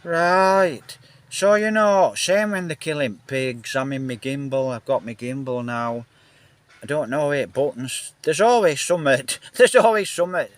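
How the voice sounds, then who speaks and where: A man's voice: medium pitch, measured pace, no echo. A man with a Northern English accent chatting casually into a phone, rambling and repeating himself with lots of fillers. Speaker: vlogger. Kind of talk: casual rambling vlog chat. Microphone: phone held in hand, then on a gimbal.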